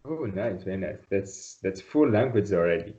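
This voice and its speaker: In dull video call audio, a man from Tunisia tutors a student in Arabic one-on-one online, patient and encouraging and prone to repeating his praise. His voice is low and warm, animated, at a moderate pace.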